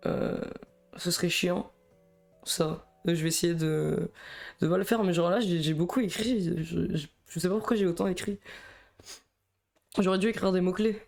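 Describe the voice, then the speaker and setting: A man's voice: high-pitched, steady tone, moderate pace, vocal fry, long pauses, darkish tone, soft background music. A young man with a Belgian French accent streaming alone, chatting in a rambling, nervous way, stammering and often laughing. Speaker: livestreamer. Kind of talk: casual live-stream chat.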